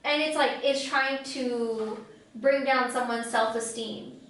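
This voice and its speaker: A woman's voice: fairly high pitch, steady tone, takes it slowly, fairly bright tone. A woman co-hosting a podcast in casual chat, rambling along with lots of "like" fillers. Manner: chatty, rambling, many "like" fillers. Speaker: podcast co-host. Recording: very echoey room, mic far off.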